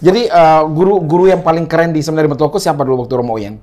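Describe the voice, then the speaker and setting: A man hosting a podcast, asking quick, joking questions in a casual comic interview. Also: fairly high pitch, mellow. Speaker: podcast host.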